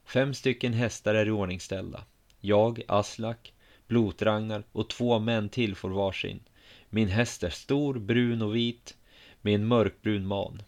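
A man telling a first-person story in a calm, measured, quiet way. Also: lowish voice.

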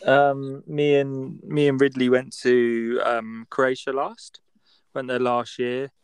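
A man's voice: medium pitch, level tone, slow pace, clean tone, no echo. A young man with a West Country English accent chatting casually and telling anecdotes in informal British slang. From West Country, England. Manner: informal British slang, dragged-out long A vowels. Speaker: podcast speaker.

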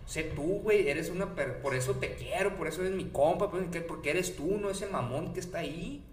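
A man with a Mexican Spanish accent talks in a loose, slang-heavy way, acting out what people said as he tells stories. His voice sits a little high. The room is echoey, with a faint hiss behind him. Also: moderate pace. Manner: slangy, animated storyteller acting out quotes. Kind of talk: casual chat.

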